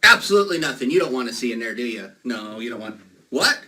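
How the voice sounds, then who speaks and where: A man's voice: medium pitch, expressive, fairly quick. A man performing as a children's party magician, playfully coaxing kids with questions and exclamations, recorded on a noisy, distant microphone.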